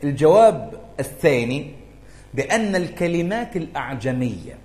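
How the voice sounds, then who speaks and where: Male religious teacher, slightly high voice, repeatedly checks understanding, roomy echo. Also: very animated, normal speed, a little mellow. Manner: keeps asking if students follow, rises emphatically. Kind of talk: classroom religious lesson. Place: lecture room with students. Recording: echoey room.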